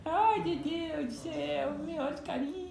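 A woman with a Brazilian Portuguese accent baby-talking to her dogs, cooing in a sing-song way with long drawn-out sighs. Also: high-pitched, gravelly, reverberant, noisy background. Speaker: pet owner filming her dogs. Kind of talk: baby-talk to pets.

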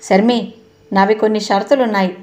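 A woman reading the lines of a young male doctor in a low, subdued voice. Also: fairly even intonation, moderate pace, a little mellow, natural voice. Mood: demanding.

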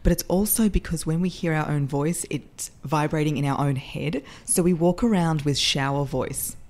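A middle-aged woman, a voice coach, talking in a podcast interview, lively and quick to laugh at herself. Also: sits low. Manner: lively, laughs often, self-deprecating. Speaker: voice coach guest.

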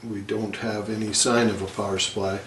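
A man's voice: on the low side, level tone, a little fast. A middle-aged man giving matter-of-fact, casual commentary as he works on a repair, thinking aloud in short remarks. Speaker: repair technician and presenter. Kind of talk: casual hands-on repair commentary while working. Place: indoor electronics repair workshop. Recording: roomy, distant mic, workshop noise.

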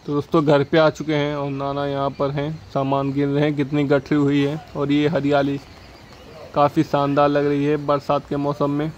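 A man's voice: a little high, monotone, moderate pace, muffled recording. A young man giving a casual running commentary for his village vlog while riding and shopping outdoors. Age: young adult. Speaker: vlogger. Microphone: camera at arm's length. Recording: loud street noise behind.

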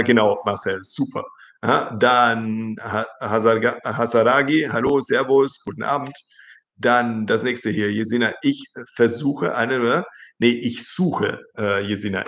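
A man's voice: mid-range voice, vocal fry, fairly bright tone. A man teaching German in a live stream, reading out viewers' chat messages, correcting them and often laughing.

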